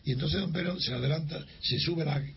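An older man from Spain speaks fairly quickly in a fairly high voice, telling an interviewer about a memory and animatedly acting out the conversation, with frequent restarts. A faint hiss sits over the dull lo-fi recording.

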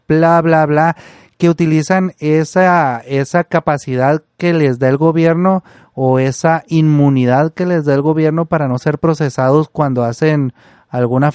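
Man, storytelling then casual commentary, indignant, somewhat high voice, dry close sound. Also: darkish tone, smooth, dry recording.

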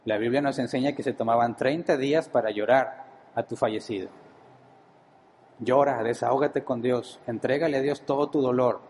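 A man's voice: mid-range voice, fairly even intonation, normal speed, a little mellow, a little hiss or hum, poor audio. A man preaching a sermon-style teaching, often asking his listeners rhetorical questions.

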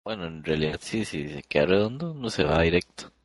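Guy with a lowish voice, kinda hesitant, dry close sound. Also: very animated, fairly quick, no echo. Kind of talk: casual chat.

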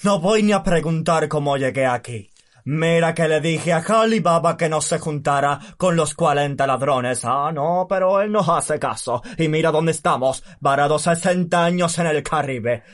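A man's voice: fairly high pitch, normal speed, lightly acted. A man voicing a pompous, weary genie of the lamp, speaking in grand theatrical proclamations. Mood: grumbling.

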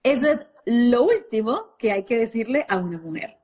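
A woman's voice: fairly high pitch, animated, moderate pace, a little mellow. A woman parenting coach, speaking expressively and directly to a live audience.

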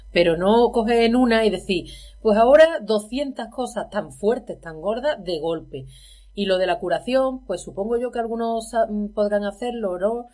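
A woman's voice: medium pitch, darkish tone. A woman in a casual film discussion, talking in an exasperated, emphatic way. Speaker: film commentator.

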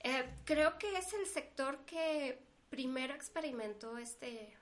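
A high-voiced woman co-hosts a casual podcast. She talks conversationally and keeps slipping into little quotes of what other people say. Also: animated, slow. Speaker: podcast co-host.

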